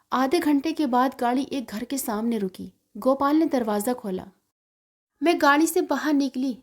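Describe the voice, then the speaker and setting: A woman with a high voice reads a sad first-person story aloud. She keeps a steady, heartfelt narrating tone throughout.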